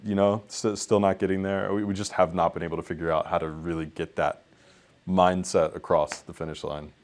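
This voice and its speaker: A man's voice: deep voice, little pitch movement, fairly quick. A young man, an esports head coach, talking candidly in a post-match interview, full of ums and likes.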